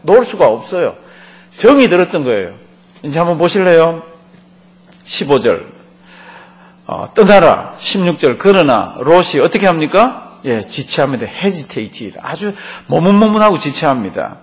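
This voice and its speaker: A middle-aged male pastor teaching a Bible class, telling the story with lively asides and questions to the congregation. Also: a little high, moderate pace, husky.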